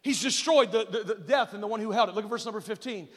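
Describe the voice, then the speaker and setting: A man with a high-pitched voice preaches as a pastor to a room of kids. He throws questions at his listeners and swells into loud, emphatic bursts, his words trailing off into the long reverb of a large hall. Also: fast. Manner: preaching with call-and-response questions, rising to loud emphatic peaks. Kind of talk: sermon to kids at a camp.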